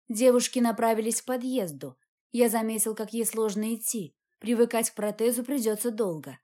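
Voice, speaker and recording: A woman narrates a first-person novel for an audiobook in an even, measured way. Her voice is slightly high but mellow and soft in tone. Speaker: audiobook reader.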